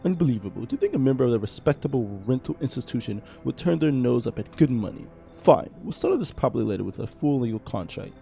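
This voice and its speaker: A man's voice: mid-range voice, animated, fast talker, creaky, hardly any pauses, mellow, soft background music. A man voicing a prim, uptight male game character in a nerdy, indignant voice. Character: prim, fussy male would-be renter, uptight.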